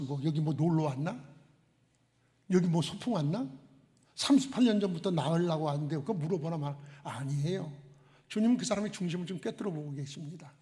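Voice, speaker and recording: A man's voice: on the high side, warm tone. A man preaching a sermon as pastor, asking the listeners questions and acting out the lines he quotes. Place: church sanctuary. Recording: long hall reverb.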